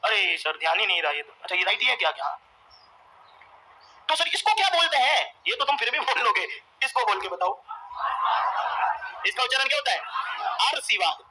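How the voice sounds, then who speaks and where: A male coaching teacher lecturing a class. He dictates points, repeats them slowly for note-taking and quizzes the students. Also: high-pitched, animated, background noise.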